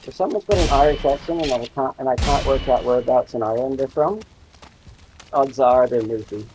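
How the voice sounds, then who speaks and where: A man's voice: medium pitch, fairly quick, darkish tone, a little hiss or hum, low-quality recording. A man with a thick Australian accent, telling stories in easygoing casual chat. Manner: easygoing storyteller. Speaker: guest.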